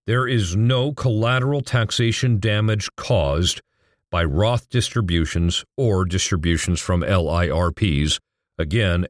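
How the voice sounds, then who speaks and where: A man's voice: deep voice, no echo, studio quality. A middle-aged man explaining retirement account taxes, emphatic and asking rhetorical questions that he answers himself. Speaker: financial educator. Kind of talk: explanatory financial talk.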